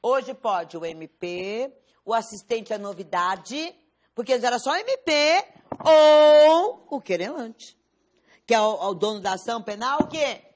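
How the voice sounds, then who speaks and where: A woman with a Brazilian Portuguese accent teaches a law class in a classroom. Her voice sits slightly high, and she keeps quizzing her students with rhetorical questions, stressing the words they must remember. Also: expressive, normal speed. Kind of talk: classroom lecture.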